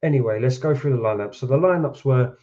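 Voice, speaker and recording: A man's voice: medium pitch, quick pace, dark tone. A man hosting a football reaction stream from home, ranting and swearing in frustration. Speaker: football channel host. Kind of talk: angry match reaction. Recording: dull lo-fi sound.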